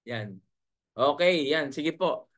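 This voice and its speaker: Man, webinar coach, chiding and rhetorical, fairly high voice, bright forceful tone. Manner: chiding, rhetorical, keeps asking "right?". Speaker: webinar coach for online sellers. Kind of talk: live webinar talk, reading viewer comments.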